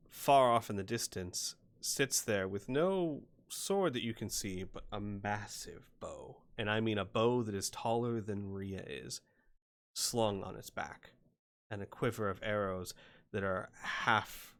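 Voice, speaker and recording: Slow, low-voiced man running a tabletop game. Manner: halting, suspenseful pauses. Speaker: game master. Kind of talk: improvised tabletop game narration.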